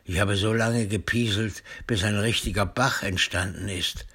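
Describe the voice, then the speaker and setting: A man's voice: on the low side, fairly even intonation, normal speed, sharp tone, slightly rough, exaggerated voice. A man voicing a kind, joking father in a storybook reading, with a playful, teasing manner.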